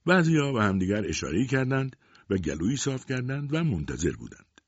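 A man narrating a story in a measured, expressive reading voice. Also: mid-range voice, no echo. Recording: dull lo-fi dry recording.

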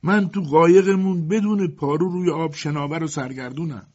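A man's voice: a little high, darkish tone, husky, dull audio, pitched above the performer's own voice. A man voicing a sixty-year-old ship captain adrift in a boat, crying out mournfully from afar in an audiobook. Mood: mournful wail. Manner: wailing cries from a distance.

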